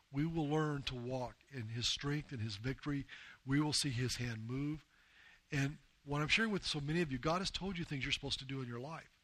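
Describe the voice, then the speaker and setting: A man's voice: mid-range voice, a bit bright, dry recording. A man, a pastor, preaching a sermon in an earnest, emphatic, conversational way while telling personal stories. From United States. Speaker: pastor and missionary leader.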